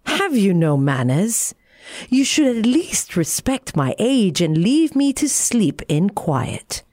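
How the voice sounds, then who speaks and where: A woman's voice: medium pitch, sing-song, slow pace, a little mellow, dry recording, clean studio sound. A woman voicing a cross, cunning elderly female owl in a children's bedtime storybook, prim and coaxing in manner. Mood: cross, indignant. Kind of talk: storybook character in a sleep story.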